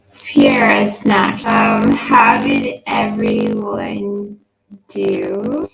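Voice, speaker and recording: Woman host, robotic metallic voice from busted earbuds, slow and draggy, kinda gravelly. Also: extremely low pitch, huge pitch swings, echoey room, soft background music, low-quality recording. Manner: laughs often, chatty. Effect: robotic, glitchy metallic voice from dying wireless earbuds. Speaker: host of a writing sprint stream. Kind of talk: casual chat. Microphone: wireless earbuds.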